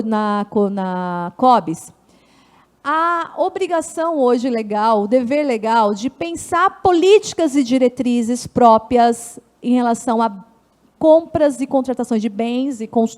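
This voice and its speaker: A woman's voice: sits high, a little mellow. A woman with a Brazilian Portuguese accent, an official giving an online seminar talk. She explains step by step, often corrects herself mid-sentence, and poses questions to herself before answering them. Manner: frequent restarts and self-corrections. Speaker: public administration official presenting her department.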